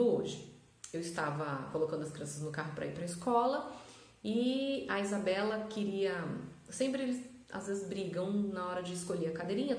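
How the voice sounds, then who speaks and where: A woman's voice: mid-range voice, a little mellow, roomy sound. A woman, a mother talking reflectively and conversationally about parenting in a casual stories monologue. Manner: reflective, conversational, frequent tag questions. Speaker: mother of triplets sharing parenting advice.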